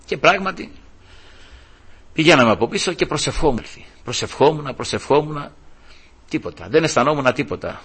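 An older man, a grandfather, preaching and telling a heartfelt story to his congregation, warm and emotional with many restarts. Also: a little high, pauses often, breathy edge. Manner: emotional, animated, restarts often. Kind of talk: storytelling sermon.

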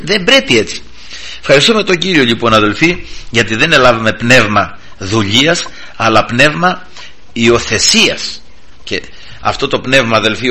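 A male preacher delivers a fervent sermon, his voice strikingly bright and ringing. He talks in halting bursts and keeps addressing the congregation as brothers. His delivery leaps from low and quiet to high and loud. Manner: fervent, swings sharply up and down in pitch and volume; addresses listeners constantly as brothers, halting restarts.

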